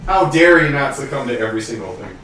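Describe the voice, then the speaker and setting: A man's voice: mid-range voice, lively intonation, fast, a bit bright, distant mic. A man running a tabletop game, narrating informally and throwing in casual asides. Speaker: game master. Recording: echoey room, off mic, faint music.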